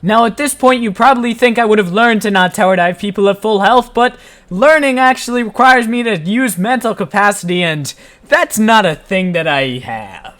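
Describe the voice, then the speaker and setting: A man narrating his own gameplay in a voice-over, playful and self-mocking with deadpan jokes. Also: high voice, moderate pace. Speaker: gaming channel host. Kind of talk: joking gameplay commentary voice-over.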